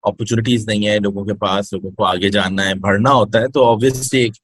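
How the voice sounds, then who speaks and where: A man with a Pakistani accent gives conversational interview answers in a fairly low voice. He pauses and searches for words, moving between two languages. The sound is very dry, with little room to it. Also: fairly even intonation, dry recording. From Pakistan, born in Hyderabad, grew up in Karachi. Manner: hesitant, code-switches between English and Urdu. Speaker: interview guest, startup incubator project director.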